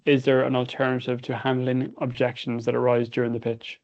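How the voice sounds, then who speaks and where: A man's voice: mid-range voice, completely flat delivery, brisk, a little mellow. Irish guy w a cavan midlands accent, bit droll, chatty webinar host, kinda dull lo-fi sound. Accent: Irish, County Cavan midlands. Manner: droll, hesitant delivery. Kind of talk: casual webinar moderating.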